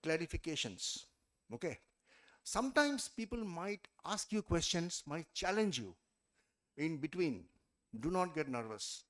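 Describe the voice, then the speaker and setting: A man's voice: fairly high pitch, big pitch swings, a little slow. A man giving a classroom lecture on group discussion skills, emphatic, counting off points and checking in with "okay?". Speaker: trainer. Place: college event hall or classroom.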